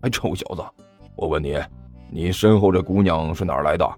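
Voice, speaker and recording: A man's voice: deep voice, a little fast, darkish tone, soft background music, pitched below the performer's own voice, close to an everyday voice. A man voicing a stern, suspicious middle-aged uncle from the neighborhood who lectures and scolds.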